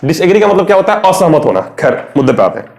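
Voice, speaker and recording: A man's voice: fairly high pitch, big pitch swings, fast talker, gravelly, a little mellow. A young Indian man teaching an English vocabulary lesson at a board, chatty and quizzing his viewers before answering himself. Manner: chatty, asks questions and answers them himself.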